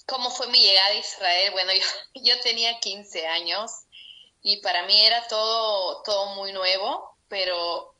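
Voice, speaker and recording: A young Peruvian woman with a mid-range, bright, forceful voice gives a personal account in an interview over a video call. She speaks with a Peruvian Spanish accent, sincere and occasionally laughing, and the recording is rough.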